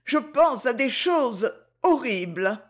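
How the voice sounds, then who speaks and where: A woman doing a freezing girl, high and pleading. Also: animated, takes it slowly. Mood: weary. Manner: pleading, tearful, sobbing. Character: frightened freezing young girl, despairing.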